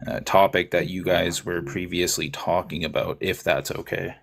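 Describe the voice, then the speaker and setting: A man in his thirties from Canada calling in to debate, measured and challenging. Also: low voice, little pitch movement, creaky, a bit bright. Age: 30s. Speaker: caller. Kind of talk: call-in debate.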